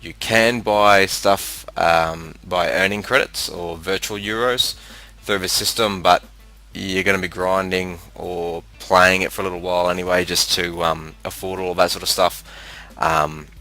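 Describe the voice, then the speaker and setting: A fan hums in the room as an Australian man presents a video game, commenting casually on a screen capture. His voice is very low but forceful and bright, his tone steady, and his delivery halting and rambling. It's captured on a cheap headset microphone that crackles slightly.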